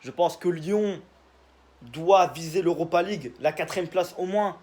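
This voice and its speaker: Young man, slightly high voice, casual football chat, rambling, lots of fillers. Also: measured pace, darkish tone. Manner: rambling, filler-heavy, joking asides. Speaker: football video creator. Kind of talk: casual football predictions monologue.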